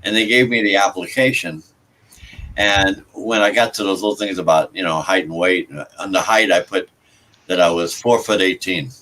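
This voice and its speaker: Man, lowish voice, dry anecdote teller, faint background noise. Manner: dry joking storyteller, halting with repeated fillers. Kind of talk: casual chat, telling jokey anecdotes.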